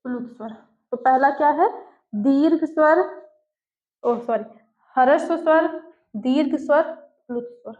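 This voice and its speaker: Slow, high-voiced woman teaching on a phone-quality line. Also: darkish tone. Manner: slow, patient, asks questions and answers them herself; dictates notes word by word. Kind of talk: online class lesson. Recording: echoey room, tinny phone-like sound.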